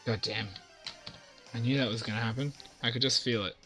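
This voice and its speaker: A man's voice: medium pitch, fairly even intonation, brisk, fairly bright tone, soft background music. A man chatting casually to his viewers during a live game stream, rambling and talking straight to them. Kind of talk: casual live-stream chat while playing.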